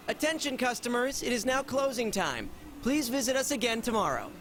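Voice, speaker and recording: A voice actor playing a store announcer making a supermarket loudspeaker announcement, formal and polite. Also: medium pitch, sing-song, normal speed, a little hiss or hum. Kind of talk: scripted game voice acting.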